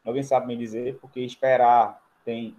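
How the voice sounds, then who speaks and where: A man's voice: mid-range voice, little pitch movement, moderate pace, mellow, highs cut off, a little hiss or hum. A man with a Brazilian accent teaching a grammar lesson. He explains each step in turn while writing on a board and keeps checking in with the class. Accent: Brazilian Portuguese. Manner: writes on a board while talking.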